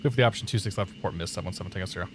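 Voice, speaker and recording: A man's voice: low voice, racing, music in the background. A man streaming a flight, making clipped pilot radio calls into a cockpit headset mic. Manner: clipped, businesslike radio readbacks.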